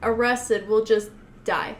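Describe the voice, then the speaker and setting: A woman co-host who keeps cutting in with quick jokes during a casual podcast. Her voice is slightly high and sounds roomy, with a faint hiss underneath. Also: steady tone. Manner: quick joking interjections.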